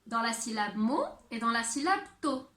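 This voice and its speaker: Bright-voiced teacher woman in echoey room. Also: on the high side, animated. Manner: slow, clear teacher talk addressed to children. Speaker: primary school teacher. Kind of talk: video lesson for young children.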